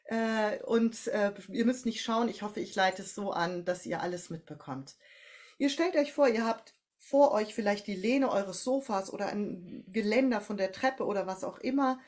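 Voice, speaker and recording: Calm woman guiding voice exercises. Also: mid-range voice. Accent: German. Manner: calm step-by-step instructions, slow and drawn out on cues. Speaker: voice coach leading a workshop. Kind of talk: guided voice and breathing exercise.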